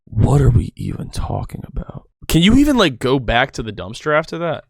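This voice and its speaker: A man's voice: mid-range voice, huge pitch swings, brisk, no echo, studio quality. A man reacting to a video on a live stream, blunt and profane, restarting his sentences.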